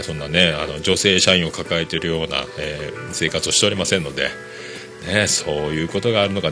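A man's voice: lowish voice, pushed and bright. A man from Fukuoka hosting a podcast, telling a casual story in a chatty, rambling way with many fillers. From Fukuoka, Japan. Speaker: podcast host.

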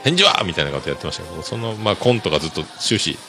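A man's voice: low voice, expressive, rapid-fire, fairly bright tone. A man rambling easygoingly through a solo podcast, full of fillers. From Kyushu, Japan. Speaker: podcast host. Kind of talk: casual solo podcast talk. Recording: clear background music under voice. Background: music.

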